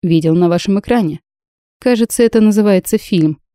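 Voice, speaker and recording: Woman voicing a soft-spoken teasing male mage. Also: mid-range voice, a little fast, smooth, no room sound, studio quality, natural voice. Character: teasing mysterious male mage, calm and playful.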